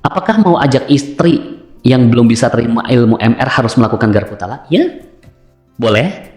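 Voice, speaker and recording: Male host, mid-pitched, repetitive sermon-like cadence, roomy sound. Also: animated, normal speed, darkish tone, faint music behind. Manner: repetitive preaching cadence, rhetorical questions. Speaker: host answering viewer questions. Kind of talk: religious self-help talk.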